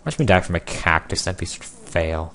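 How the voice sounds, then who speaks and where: A young man casually commenting on his own gameplay, joking and sarcastic, with sudden loud outbursts. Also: sits low, lively intonation, fairly quick, a little hiss or hum. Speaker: gameplay video creator.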